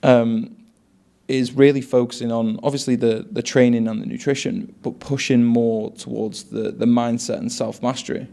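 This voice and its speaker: A man's voice: mid-range voice, little pitch movement, moderate pace, vocal fry, warm tone. A man coaching and hosting a casual interview, rambling along with lots of "like" and "mate". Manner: chatty, rambling, peppered with "like" and "mate".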